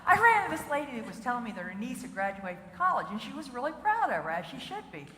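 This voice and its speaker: A middle-aged woman giving a comic keynote talk, chatty and animated, asking the audience questions and laughing at her own jokes. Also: on the high side, fast talker. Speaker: keynote speaker. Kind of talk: stand-up style comic keynote. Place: large conference hall. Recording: echoey hall with faint noise.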